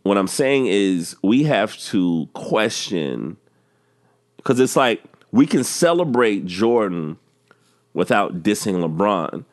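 This is an American man with a fairly low voice in casual podcast debate. He talks in an animated, emphatic way, circling back on phrases to push his point and swearing as he goes. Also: takes it slowly. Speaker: podcast co-host.

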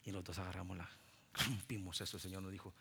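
Bright-voiced Guatemalan pastor preaching. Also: male voice, quick pace, vocal fry, a little hiss or hum. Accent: Guatemalan Spanish. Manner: animated storytelling, swinging from loud preaching to soft, low asides. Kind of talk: sermon.

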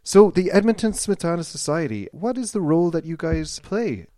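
A man's voice: a little high, big pitch swings, moderate pace, warm tone, no echo, clean studio sound. A man playing a polite, earnest local interview show host, speaking a little hesitantly in a mock radio interview. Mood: polite, curious.

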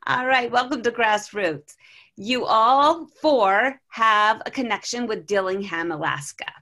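A woman hosting a podcast, reading guest introductions in a measured way and then asking questions. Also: fairly high pitch, animated, sharp tone. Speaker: podcast host.

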